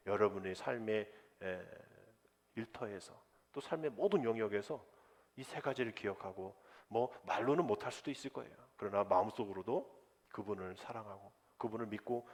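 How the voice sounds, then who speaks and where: A man preaching a sermon as pastor, lively and conversational, acting out the voices of people he quotes. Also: on the low side. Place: church sanctuary. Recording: long church hall reverb.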